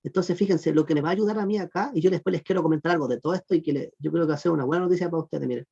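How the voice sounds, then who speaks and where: Creaky, husky-voiced grammar teacher. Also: mid-range voice, racing, warm tone. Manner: patient, repeats "miren" and "fíjense" often; asks the class check questions. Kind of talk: online class lecture. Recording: muffled lo-fi recording.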